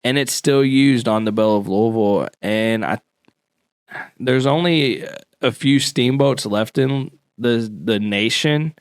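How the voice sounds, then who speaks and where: A man's voice: mid-range voice, unhurried, clean tone, no room sound, clean studio sound. A man co-hosting a casual local podcast, laid-back and full of slang and fillers as he explains history. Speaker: podcast co-host.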